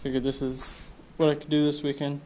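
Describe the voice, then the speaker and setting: This rough recording, with a bit of hiss or hum, catches a fairly high-voiced man speaking briskly. He's a car restoration vlogger in his home garage workshop, congested and easygoing, rambling casually about his work and filling gaps with ums as he thinks out loud.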